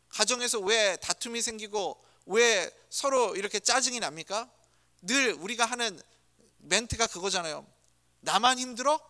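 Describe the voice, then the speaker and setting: A male pastor preaches a sermon in a church sanctuary, putting many rhetorical questions to the congregation. His voice is high and sharp in tone, and the hall's reverb colors the recording.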